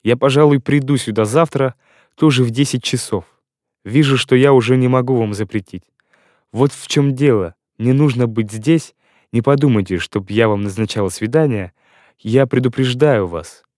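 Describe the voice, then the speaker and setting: A man voicing a shy, earnest young woman in an audiobook, speaking in a gentle, measured way. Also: mid-range voice, dry recording, studio quality, close to an everyday voice. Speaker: audiobook reader. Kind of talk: audiobook character reading.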